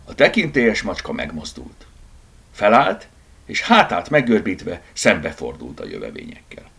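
A man's voice: deep voice, huge pitch swings, vocal fry, a bit bright, slightly rough. A man narrating a children's animal story as an audiobook reader, telling it expressively. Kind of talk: scripted narration.

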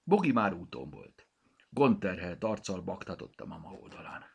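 A low man's voice reading a children's story aloud, rising and falling with a lot of expression. It has a gravelly, husky texture throughout. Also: very animated.

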